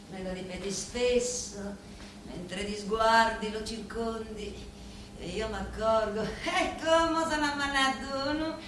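An actress in a stage drama plays a bitter, scheming woman from a mafia family, speaking in a Sicilian accent with a deliberate, theatrical delivery that suddenly swells. Her voice sits on the high side, recorded in a very echoey room with faint background noise.

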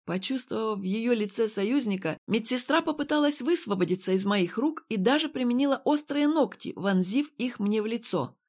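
Audiobook reader, woman, steady first-person narration. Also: a little high, moderate pace, few pauses. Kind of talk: scripted narration.

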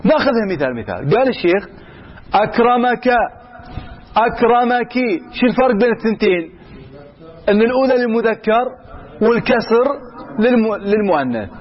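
A man's voice: high-pitched, big pitch swings, fast, husky, dull audio. A man teaching grammar in a classroom, quizzing his students and repeating example after example. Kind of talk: classroom lesson.

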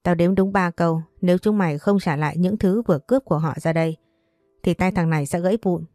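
A cold, commanding young man barks curt orders, as a woman storyteller voices him. The voice sits low and mellow. The recording is dry, with faint music underneath. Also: fast, no room sound, lightly acted. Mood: cold menacing. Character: cold, commanding tall young man in his late twenties.

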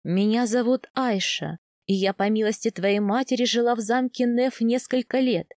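A woman reading an audiobook, voicing a dignified widow of nearly eighty who speaks in a measured, formally polite and instructive way. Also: fairly high pitch, darkish tone, no echo, studio quality, close to an everyday voice. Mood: welcoming. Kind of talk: audiobook character voice.

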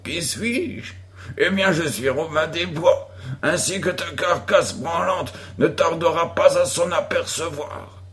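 A man's voice: on the high side, takes it slowly, a bit bright, voice pushed up. A man voicing a bold young boy who plays the hero of an outlaw game, in a theatrical, commanding manner.

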